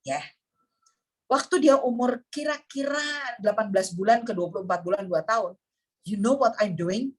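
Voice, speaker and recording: Her voice is husky, a little mellow and mid-range, moving at a normal speed. This neuroscience practitioner talks to parents, speaking straight to them as she shares dramatic stories.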